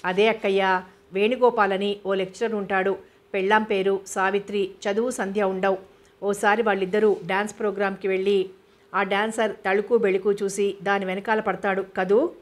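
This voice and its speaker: A woman's voice: medium pitch, flat delivery, moderate pace, close to an everyday voice. A woman narrator voicing a chatty, naive young younger sister in a novel reading.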